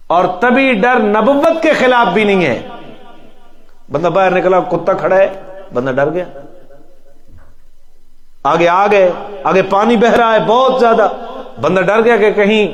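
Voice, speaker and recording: A middle-aged male preacher in a mosque, teaching a Quran lesson with a Pakistani Urdu accent. He swings from loud, emphatic calls to soft, low asides, chants Arabic verses slowly and puts questions to his listeners.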